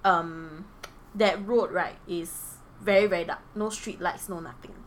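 A woman's voice: on the low side, a little slow, a little hiss or hum. A young adult woman with a Singaporean accent, chatting casually and animatedly in colloquial Singlish as she tells stories as a podcast co-host. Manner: animated, giggly.

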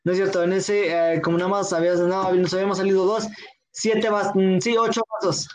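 A man with a Mexican accent telling a story in a slangy, relaxed way and acting out the lines of people in it. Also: high voice, brisk. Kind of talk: casual chat, telling a drinking anecdote.

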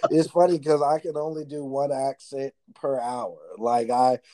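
A man's voice: medium pitch, fairly even intonation, unhurried, mellow, no echo. A man hosting an interview, chatty and encouraging toward his guest. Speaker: interview host. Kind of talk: casual interview chat.

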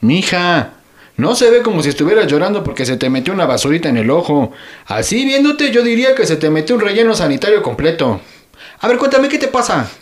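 A man's voice: high voice, very animated, a little fast. An actor playing a hungry, teasing father who jokes while trying to comfort his daughter, speaking with a Mexican Spanish accent. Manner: joking, exaggerated whining. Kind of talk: sketch acting.

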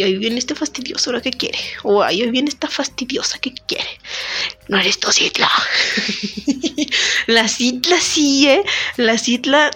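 A woman, host of a casual talk podcast, chatting to listeners in a joking, self-deprecating way while a bit sick. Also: on the high side. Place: temporary recording spot.

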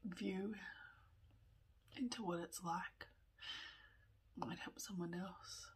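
A woman in her thirties, tearful with a running nose, talking candidly in a personal vlog, often in a breathy whisper and pausing as she goes. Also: lowish voice, steady tone. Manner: slow, halting, candid, with small laughs. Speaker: vlogger.

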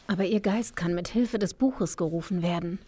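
A woman playing a hushed, secretive young witch-lore collector. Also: on the low side, moderate pace, natural voice. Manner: hushed, calm, instructive, often whispering. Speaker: Kathy. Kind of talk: German horror audio drama acting.

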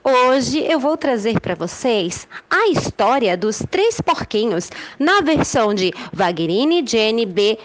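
High, animated Brazilian woman hosting children's stories. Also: takes it slowly, hardly any pauses, low-quality recording. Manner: kids show host, animated and expressive. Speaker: children's storyteller and host. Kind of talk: scripted storytelling for children.

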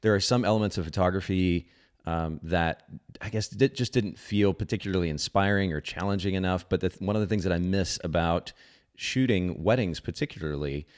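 A man's voice: sits low, brisk. A man in his thirties hosting a podcast interview, friendly, often repeating words as he starts a sentence. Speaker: podcast host. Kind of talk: casual interview chat.

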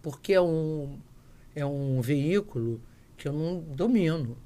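An older actress being interviewed, telling anecdotes in a lively way and acting out the voices of the people she quotes. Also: low voice, unhurried. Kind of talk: casual interview storytelling.

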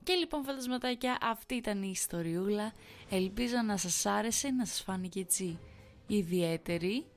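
A woman's voice: medium pitch, animated, soft background music. A woman hosting a horror story podcast, reading first-person scary stories and chatting in a friendly way. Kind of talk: reading creepy stories aloud.

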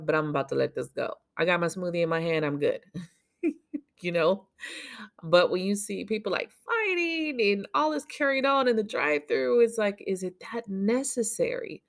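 A woman hosting a podcast, giving a casual motivational monologue in a blunt, profane, animated way. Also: lowish voice, creaky. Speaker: podcast host.

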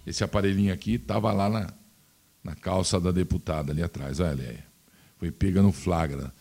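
A man's voice: sits low, fairly even intonation, fairly quick, mellow, soft background music. Indignant Brazilian man ranting about politics. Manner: indignant, scornful, addresses listener directly. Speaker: political commentator. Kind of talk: opinionated political commentary.

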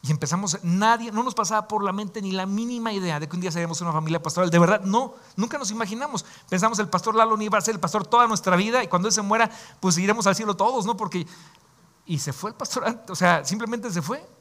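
Fast-talking pastor, high voice. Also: male voice, a bit bright. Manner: storytelling, emotional and confiding. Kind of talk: sermon testimony.

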